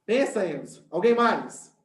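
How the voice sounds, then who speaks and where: A man's voice: sits high, lively intonation, unhurried, echoey room. A male science teacher, giving an online class and explaining step by step while often checking in with his students.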